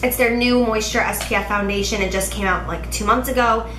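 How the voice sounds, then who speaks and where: A woman's voice: mid-range voice, steady tone, a little fast, fairly bright tone. A woman with a nasal, congested voice giving a casual, chatty makeup tutorial to camera, speaking directly and emphatically to viewers. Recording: roomy echo, faint background noise.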